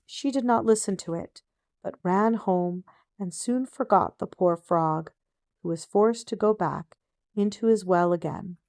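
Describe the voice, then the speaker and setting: A woman reads a fairy tale aloud as if opening a storybook. Her pace is slow and measured, her pitch sits in the middle, and the recording is close and dry. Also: a little mellow, no room sound. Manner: unhurried, measured phrasing. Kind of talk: gentle scripted fairy-tale narration, storybook opening manner.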